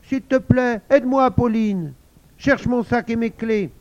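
A man's voice: very high-pitched, measured pace, darkish tone, dry recording, voice pushed up. A man voicing a grown-up mother who sulks and whines like a child about going back to school, in a storybook reading. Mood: pleading. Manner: whiny, pouting. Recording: dull lo-fi recording.

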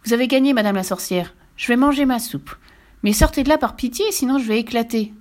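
A cheeky, rude little boy voiced by a woman talks in a high, piping storybook voice. He mangles words and answers back with cheek. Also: a little fast, a little mellow, close to an everyday voice.

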